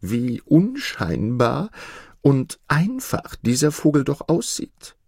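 A man's voice: medium pitch, huge pitch swings, slow, creaky, darkish tone, husky, dry recording, studio quality, pitched above the performer's own voice, full character voice. A man doing a pompous court steward. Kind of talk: storybook reading.

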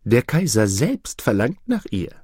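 A man's voice: mid-range voice, wildly swooping pitch, unhurried, dark tone, husky, no echo, clean studio sound, exaggerated voice. A man doing a pompous court steward. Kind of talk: storybook reading.

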